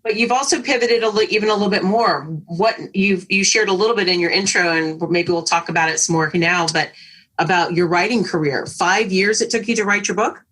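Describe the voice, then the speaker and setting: A woman's voice: mid-range voice, fairly quick, fairly bright tone. A woman hosting an interview on a video call, encouraging her guests and reading out a passage. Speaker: host.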